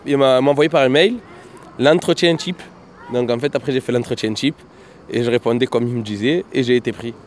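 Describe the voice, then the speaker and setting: A man's voice: mid-range voice, a little fast, a little hiss or hum. Rambling man telling his story outdoors. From Marseille, France. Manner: rambling, full of fillers and "et cetera". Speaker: interviewee. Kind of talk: casual storytelling. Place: outdoors in a city neighbourhood.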